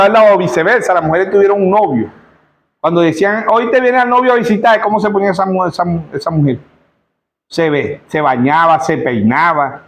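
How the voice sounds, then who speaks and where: A man's voice: high voice, poor audio. A male pastor with a Zulia Venezuelan accent preaching a sermon in church, often asking the congregation to answer him. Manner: rhetorical call-and-response, keeps asking the congregation "yes or no".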